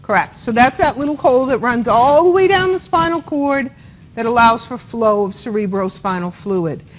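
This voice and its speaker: A woman's voice: on the high side, expressive, moderate pace, low-quality recording. A woman with a Boston accent giving a classroom anatomy lecture, chatty and often checking in with students by asking them questions. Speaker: anatomy instructor.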